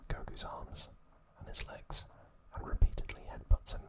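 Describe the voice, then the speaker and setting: The speaker is a male ASMR host who whispers a recap gently and without hurry, pausing on purpose.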